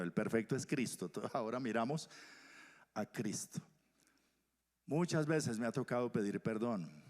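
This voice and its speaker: A male pastor from Colombia preaching a sermon, swinging from loud emphasis to hushed whispers. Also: medium pitch. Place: church hall. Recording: church hall reverb.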